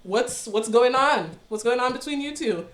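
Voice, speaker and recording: A woman's voice: on the high side, lively intonation, moderate pace, reverberant, natural voice. Woman putting on a hesitant young empress. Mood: uneasy. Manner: hesitant, polite.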